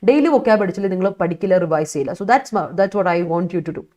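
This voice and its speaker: A woman's voice: lowish voice, lively intonation, quick pace, warm tone. A woman English teacher from Kerala running a live online vocabulary class, mixing English words into her explanations and laughing as she answers her students. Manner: mixes English words into explanations, reads student chat aloud, laughs often.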